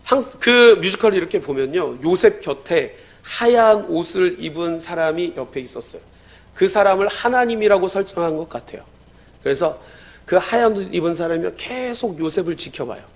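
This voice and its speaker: A man preaching from the pulpit in a high voice. He tells a story as he preaches, rising to loud exclamations and then dropping to hushed lines. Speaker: pastor. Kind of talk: sermon.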